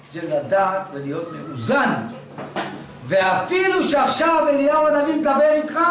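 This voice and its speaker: A male religious teacher telling a story to a class, animated and moving between hushed and loud. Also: high-pitched. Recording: echoey room, distant mic, noisy.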